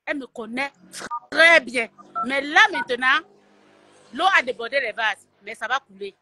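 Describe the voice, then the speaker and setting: A woman's voice: high-pitched, normal speed, pushed and bright, no echo. A woman from Cameroon with a Cameroonian French accent, ranting in a heated live stream, taunting and confrontational and slipping into Italian, speaking close to a phone. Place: at home in Italy.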